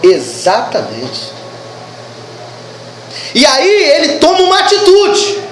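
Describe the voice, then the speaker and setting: A woman preaching a sermon at a church service, animated and asking the congregation questions. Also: sits high, slow pace, roomy sound, a little hiss or hum, low-quality recording.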